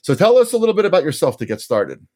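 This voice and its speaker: A man hosting an interview, introducing his guest and asking questions in a measured, courteous way. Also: on the high side, big pitch swings, a little mellow. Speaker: interview host.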